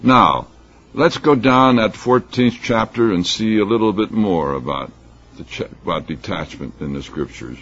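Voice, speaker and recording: This male preacher's voice sits on the low side, animated and unhurried, with a fairly bright tone and a breathy edge. Explaining scripture emphatically, he reads passages aloud with mounting force amid fillers and restarts. The recording is dull and lo-fi.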